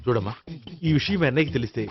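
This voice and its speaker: An actor playing a middle-aged police officer who lectures everyone in a comic film scene. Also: male voice, mid-range voice, animated, very fast, lightly acted. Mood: stern, preachy. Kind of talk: Telugu film comedy acting. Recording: dull film soundtrack with music.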